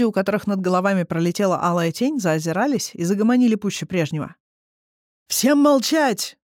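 An audiobook narrator telling a story in a steady, even way. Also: mid-range voice, dry recording, studio quality.

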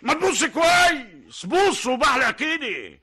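A blustering Egyptian hajj. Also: male voice, very high voice, very animated, exaggerated voice. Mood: offended blustering. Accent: Egyptian Arabic. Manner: loud, blustering, quick to take offence. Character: blustering older male hajj, proud touchy host. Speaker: radio drama actor. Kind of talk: 1960s Egyptian radio drama acting.

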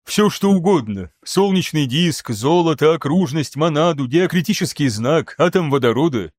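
Man doing a calm quiet expedition leader, measured, slightly high, dry. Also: dry recording.

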